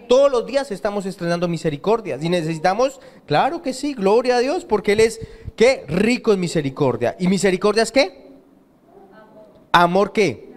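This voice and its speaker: A man preaching a sermon as pastor in a church, emphatic, repeating key phrases and pausing for the congregation to fill in his questions. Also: high-pitched. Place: church sanctuary.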